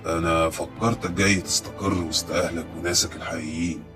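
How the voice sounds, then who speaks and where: Guy doing an old rich pasha, deep and soft, slow smooth talker, sly under the politeness. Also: level tone, music in the background, close to an everyday voice. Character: old wealthy village pasha, courteous but scheming.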